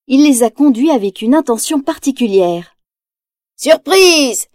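A woman narrating a children's storybook aloud, lively and expressive. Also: on the high side, normal speed, dry recording, clean studio sound. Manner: lively, acts out quotes in raised voice.

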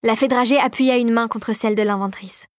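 A woman reads a fairy tale aloud in a calm, measured way. Her voice is a little high and light. The recording is dry and close, with no room around it. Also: no echo. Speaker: narrator. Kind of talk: audiobook narration.

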